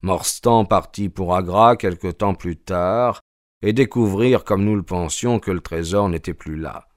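A man reading an audiobook, narrating a first-person story in a measured, steady way. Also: sits low, dry recording, studio quality. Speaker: audiobook reader.

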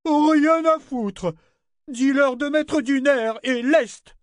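A man voicing an impatient, hot-tempered male living ship who shouts and blusters. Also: extremely high pitch, very slow, dry recording, voice pushed up, heavily acted. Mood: furious. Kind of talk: audiobook character reading.

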